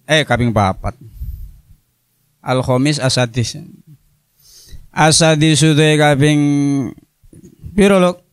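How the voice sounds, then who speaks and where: A middle-aged man teaches a religious text to a class, working through it word by word and wandering into playful asides about word meanings. His voice is smooth and clear, and he speaks at an unhurried pace. The recording is dry, with no room echo. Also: mid-range voice. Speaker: religious teacher at an Islamic boarding school.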